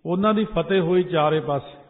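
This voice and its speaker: Man, sermon, slow chanted verses then plain explanation, long echo of a hall. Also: on the high side. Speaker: Sikh preacher. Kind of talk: scripture exposition with chanted verses. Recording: echoey hall, tinny phone-like sound.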